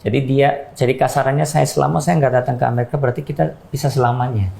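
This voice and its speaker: A man's voice: medium pitch, steady tone, fast, creaky, dark tone. A man giving a candid, plain-spoken faith testimony about his past. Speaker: guest sharing a testimony.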